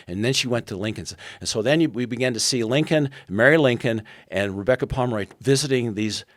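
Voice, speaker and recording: A man's voice: medium pitch, a little fast, no echo. A man in his sixties, a podcast guest, earnestly retelling a historical story and quoting the people in it. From United States. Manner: earnest, retells events with quoted dialogue.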